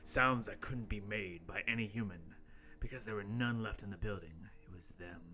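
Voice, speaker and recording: A man speaking at a moderate pace and fairly low pitch voices a jumpy young intern in an amateur radio play. He tells his horror story in a melodramatic, ominous way, interrupting it with shouted sound effects.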